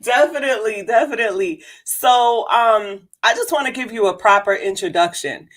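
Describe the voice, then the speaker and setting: A podcast host with a higher-pitched voice speaks at normal speed as she has a casual, upbeat conversation with her guest. She's chatty and quick to laugh throughout the interview.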